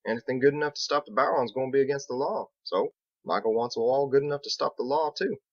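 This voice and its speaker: Voicing Biggs, a friendly, shrugging male mason, a man speaks audiobook character dialogue in a rustic drawl with dropped words, candid and folksy in mood. His mid-range voice is fast, pushed up, and close to everyday speech. There is no echo, but the audio sounds dull.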